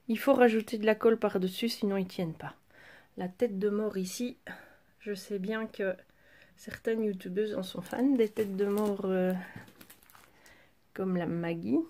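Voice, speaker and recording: A woman's voice: medium pitch, mellow. Chatty woman showing her craft haul. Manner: chatty, hesitant fillers while handling items. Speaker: craft vlogger. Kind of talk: casual haul show-and-tell.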